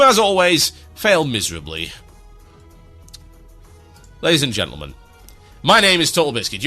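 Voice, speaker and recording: A man hosting an internet radio show, reading out listener shout-outs with dry, sarcastic, mock-grand asides. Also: fairly high pitch.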